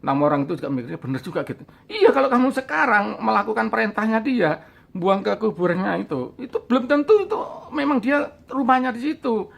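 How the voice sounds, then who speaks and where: An older man casually telling a personal ghost story, animated, acting out his friends' lines and laughing now and then. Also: high-pitched, fairly quick, vocal fry. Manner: animated, voices friends in quotes, laughs often.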